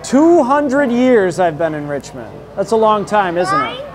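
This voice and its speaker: A woman's voice: medium pitch, big pitch swings, a little slow, soft background music, voice pushed down. A woman in character as a friendly vampire count, chatting casually with trick-or-treaters as a local TV host at an outdoor Halloween event. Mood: cheery. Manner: playful, upbeat, chatty with kids. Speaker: local TV host handing out candy. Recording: outdoor event with crowd noise.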